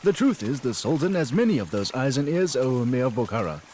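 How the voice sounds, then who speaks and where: A man's voice: medium pitch, sing-song, brisk, darkish tone, slight background noise, natural voice. An actor dubbing a sly, sarcastic male court spy in a historical drama. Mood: mocking. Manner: mocking, sarcastic. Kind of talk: English dub of a historical drama.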